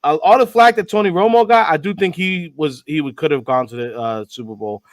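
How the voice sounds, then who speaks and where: A man's voice: on the high side, fairly quick, no echo. A man co-hosting a casual sports podcast, reading viewer comments aloud and laughing often. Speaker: podcast co-host reading chat.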